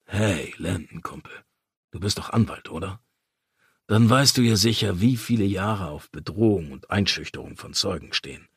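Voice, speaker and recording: A man's voice: low-pitched, moderate pace, fairly bright tone, slightly rough, no echo, clean studio sound, pitched below the performer's own voice, heavily acted. A man voicing a cheeky, crude young man who mocks his friend in an audiobook. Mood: teasing. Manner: mocking, cheeky.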